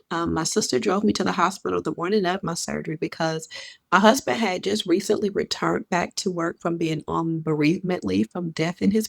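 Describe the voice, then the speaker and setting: A woman's voice: lowish voice, vocal fry. A woman vlogger telling a personal story straight to the listener.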